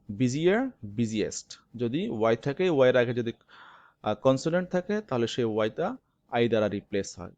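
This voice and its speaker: A man giving a recorded grammar lesson, stressing each word form slowly and clearly. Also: mid-range voice, darkish tone, no echo. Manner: slow, stressed reading of word forms. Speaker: English grammar teacher. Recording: dull, lo-fi, dry.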